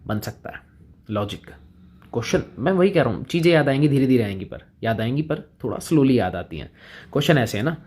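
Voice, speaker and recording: A man's voice: medium pitch, lively intonation, fast talker, darkish tone, husky. A man teaching chemistry in a casual lecture, chatting with students and playing both sides of the conversation.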